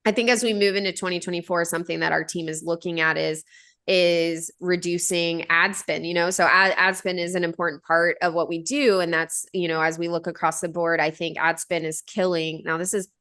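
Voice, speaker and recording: A woman's voice: fairly low pitch, level tone, a little fast, fairly bright tone. A woman in her thirties, a company founder answering interview questions in an earnest, conversational way, with many fillers and restarts. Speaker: podcast guest, company founder.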